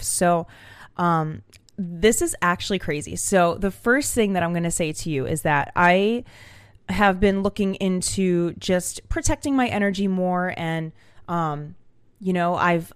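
A young woman telling stories to camera in a casual vlog, chatty and animated with many fillers. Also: lowish voice, smooth, no room sound, studio quality. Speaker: vlogger. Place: small room at home. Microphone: camera mic.

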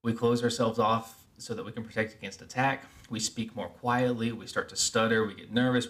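A man's voice: medium pitch, fairly bright tone. A man hosting a podcast, giving an earnest, explanatory self-help monologue. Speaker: podcast host.

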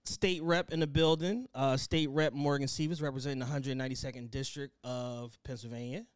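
A man's voice: medium pitch, steady tone, fairly quick, clear, resonant tone. A man hosting a casual podcast chat. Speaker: podcast host.

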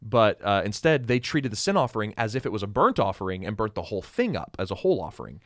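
A man's voice: fairly low pitch, big pitch swings, fast, a bit bright, dry recording, clean studio sound. A man co-hosting a podcast, chatting casually through a Bible passage and thinking aloud with fillers. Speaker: podcast co-host. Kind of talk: casual Bible study chat.

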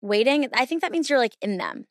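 A woman's voice: sits high, lively intonation, a little fast, no room sound, studio quality. A woman hosting a podcast in a casual, rambling chat full of fillers. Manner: chatty, rambling, with many fillers. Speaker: podcast host.

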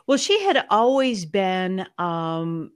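A middle-aged woman speaks at an unhurried pace, telling family stories as a guest on a podcast. Her pitch sits in a middle range, and her delivery is easy and chatty. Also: very animated, smooth. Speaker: guest author. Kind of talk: podcast interview.

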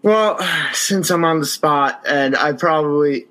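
A man's voice: fairly high pitch, a little slow, fairly bright tone, rough recording. A man appearing as a guest on a sports podcast, thinking aloud and correcting himself as he goes. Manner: thoughtful, rambling, self-correcting. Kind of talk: casual sports talk.

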